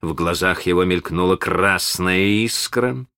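A man narrating a children's story aloud in a dramatic, animated manner. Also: low-pitched, unhurried, clean tone, no room sound, studio quality. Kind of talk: expressive audiobook narration.

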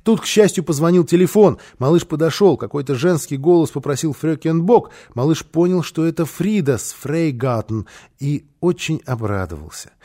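A man narrating a children's story in an expressive, lively storytelling manner. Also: a little high, moderate pace.

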